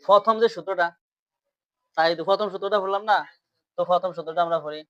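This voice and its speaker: A man's voice: high-pitched, fairly even intonation, fast, a bit bright, no room sound, muffled recording. A man teaching grammar in class, repeating points and quizzing his students questions.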